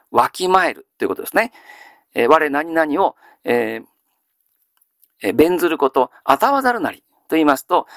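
A male teacher giving a grammar lesson, asking questions and answering them himself, with frequent drawn-out fillers. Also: a little high, dry recording, clean studio sound. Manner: steady lecturing with many drawn-out fillers; quizzes listeners then answers himself. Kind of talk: classical Chinese grammar lesson.

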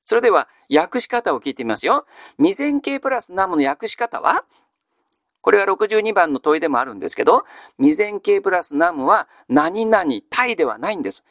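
A male teacher giving a grammar lesson. He asks a question, then answers it himself in a measured way. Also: high voice, very animated, fairly bright tone, dry recording, studio quality. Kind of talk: classical Japanese grammar lesson.

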